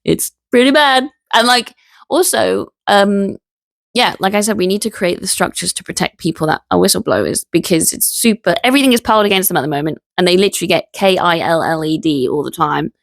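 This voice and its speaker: Indignant woman with a gravelly voice. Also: fairly low pitch, brisk, no room sound, clean studio sound. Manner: spells out sensitive words letter by letter; animated, indignant, laughs in disbelief. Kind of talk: casual spoken vlog monologue.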